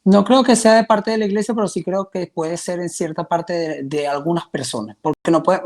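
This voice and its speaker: A man's voice: high-pitched, normal speed, a little mellow. A man in his twenties from Venezuela with a Venezuelan accent, giving his faith testimony in a hesitant, earnest way with many restarts. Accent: Venezuelan Spanish. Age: 20s. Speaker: testimony guest.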